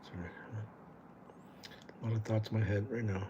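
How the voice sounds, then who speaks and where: A man's voice: lowish voice, fairly even intonation, normal speed, muffled recording, background noise. A man hosting a casual home livestream, chatting with viewers in a rambling, joking, easily distracted way and often correcting himself. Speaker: livestream host. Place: home room with houseplants, indoors.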